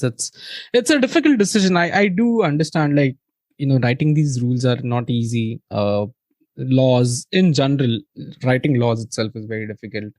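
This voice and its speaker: A man's voice: mid-range voice, a little mellow, dry recording. A man co-hosting a motor racing fan podcast, chatting casually with frequent laughs and hesitant fillers. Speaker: podcast co-host. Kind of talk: casual chat.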